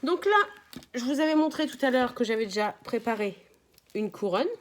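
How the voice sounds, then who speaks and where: A woman's voice: a little high, animated, moderate pace, a little hiss or hum. A middle-aged woman, chatting through a step-by-step craft demonstration and explaining each move as she works. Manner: chatty, explains while working, often apologizes. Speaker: crafts tutorial host.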